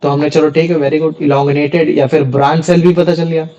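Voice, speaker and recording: A man's voice: on the high side, level tone, normal speed, dark tone, lo-fi sound. A young man teaching a science class in a casual way, often repeating key terms as questions to his students.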